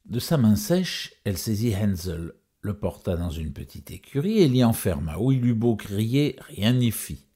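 A man telling a fairy tale as a storyteller. His voice is very low, dark and husky. His intonation rises and falls widely. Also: very animated, moderate pace, few pauses.

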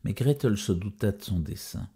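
A man narrating a fairy tale as a storyteller, with expressive, sweeping intonation. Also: on the low side, moderate pace, husky.

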